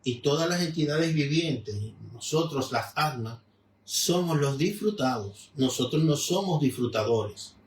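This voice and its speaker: A Venezuelan man, a religious lecturer, reads a text aloud and comments on it in a calm, measured, explanatory way, often restarting his sentences. His voice sits on the high side. He is far from the mic in an echoey room, with faint background noise.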